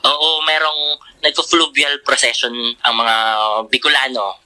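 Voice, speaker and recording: A man chats as a nurse guest on a podcast. His voice is very bright and keen. He talks haltingly with many fillers and breaks into laughter often. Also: mid-range voice, rough recording. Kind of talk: casual podcast chat.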